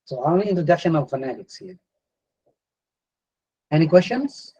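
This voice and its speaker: High-voiced Indonesian man lecturing. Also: animated, normal speed, warm tone, slightly rough, rough recording. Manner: repeats words, ends points with "yeah". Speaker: university lecturer. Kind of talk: online class lecture.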